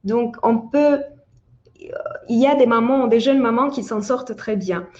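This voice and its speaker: A woman's voice: fairly high pitch, measured pace, a little mellow, muffled recording. Italian-accented woman, researcher explaining. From Italy. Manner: explanatory, with many restarts and hesitations. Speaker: parental burnout researcher. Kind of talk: webinar expert answer.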